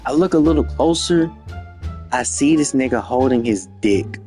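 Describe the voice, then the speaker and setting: An animated young man tells a story from his own life in a casual, slangy, profane way, acting out each person's lines himself. His voice has an everyday mid pitch. Faint music plays behind him. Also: moderate pace. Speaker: storyteller, channel host.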